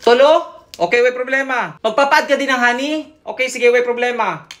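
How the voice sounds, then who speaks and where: A woman's voice: a little high, normal speed, a bit bright. A woman playing a drink seller, taking orders from customers who are not there and scolding them in a chatty, bossy way. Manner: half-sung catchphrase repeated over and over. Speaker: drink vendor in a role-play. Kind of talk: solo role-play of serving customers.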